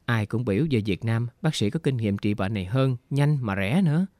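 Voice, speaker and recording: A man's voice: mid-range voice, expressive, brisk, a little mellow, no room sound, lightly acted. Man voicing a sick homesick woman, plaintive, weary, dry close sound, storybook audio. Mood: worried. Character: frail homesick middle-aged woman, ill.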